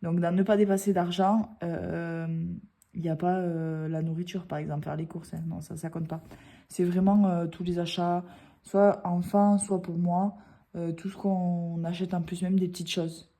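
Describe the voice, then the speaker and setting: Woman, casual vlog chat, hesitant fillers, mellow tone. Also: fairly low pitch, little pitch movement, normal speed. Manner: rambling, hesitant, many fillers. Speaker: budgeting vlogger.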